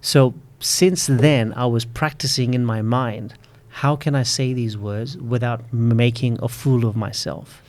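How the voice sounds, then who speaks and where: A man in his late thirties with a stutter, repeating word starts, speaking slowly and reflectively as a podcast guest. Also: mid-range voice, steady tone, darkish tone. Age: 30s. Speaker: public speaking coach. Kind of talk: podcast interview.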